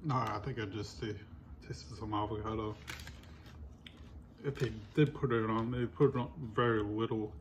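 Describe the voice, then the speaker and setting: A man reviewing food while eating, talking with his mouth full, relaxed and halting as he mumbles between bites. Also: fairly low pitch, slight background noise.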